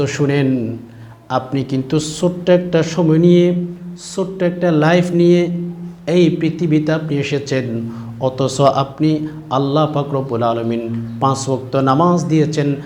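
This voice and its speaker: A man preaching an Islamic sermon, talking straight to his listeners, repeating phrases and swelling into loud outbursts. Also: mid-range voice, a little hiss or hum.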